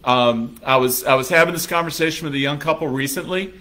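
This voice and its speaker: A man's voice: a little high, brisk, sharp tone. A man preaching a sermon as pastor in a conversational manner, now and then acting out little scenes in quoted voices. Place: church sanctuary.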